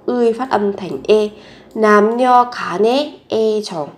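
A woman teaching a vocabulary lesson, repeating each word three times and then explaining pronunciation slowly and carefully. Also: medium pitch. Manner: slow, careful pronunciation drills. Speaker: Korean language teacher.

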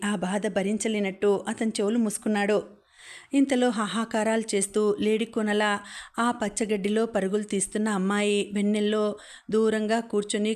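A woman narrating a novel as an audiobook reader in steady scripted narration. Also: mid-range voice.

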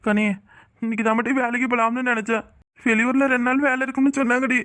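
A woman's voice: on the high side, flat delivery, fast, fairly bright tone, natural voice. A woman voicing a worried young husband in a cartoon, pleading and anxious, with a southern Tamil Nadu accent. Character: worried young husband torn between work and wife. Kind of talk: cartoon voice acting.

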